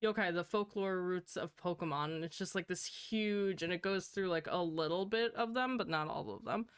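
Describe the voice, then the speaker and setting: A young woman co-hosting a casual podcast chat, playful and quick to giggle. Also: lowish voice, smooth, dry recording, clean studio sound. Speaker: podcast co-host.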